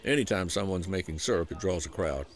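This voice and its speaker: A man with a Southern US accent narrating a documentary feature in a folksy, unhurried storytelling way. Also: sits low, animated. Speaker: program host and narrator. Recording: voice-over with music underneath.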